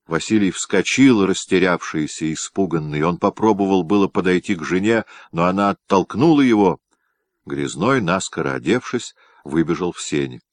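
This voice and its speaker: A man narrating a historical novel aloud in a measured, expressive reading. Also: deep voice, dry recording, studio quality. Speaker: audiobook narrator.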